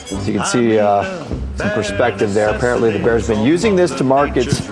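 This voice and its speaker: Man news presenter over loud music. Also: medium pitch, lively intonation, a little fast. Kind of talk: casual on-air banter.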